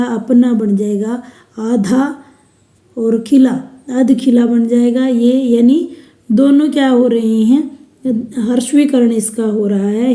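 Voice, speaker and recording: Woman teacher, slightly high voice, unhurried explanatory lecture, roomy echo. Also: dark tone. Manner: slow, explanatory, spells out sounds one by one. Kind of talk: Hindi linguistics lecture.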